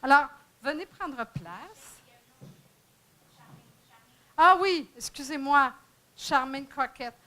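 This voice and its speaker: A woman hosts a conference panel in a high, bright voice. She talks slowly and unhurriedly, pausing on fillers and restarting phrases as she introduces each guest. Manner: hesitant, many fillers and restarts, friendly introductions. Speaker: panel moderator. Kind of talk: bilingual conference panel hosting. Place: conference room.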